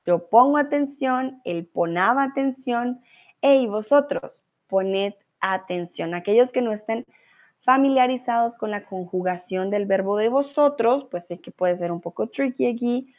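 A woman's voice: a little high, moderate pace, muffled recording. A Colombian woman teaching a live online Spanish lesson, patient and encouraging, dropping into English and German to explain.

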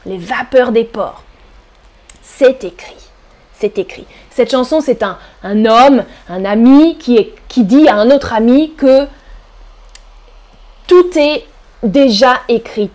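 A woman teaching French on a live stream, explaining slowly and clearly and now and then singing lines of a song. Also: on the high side, darkish tone. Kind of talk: live-streamed language lesson.

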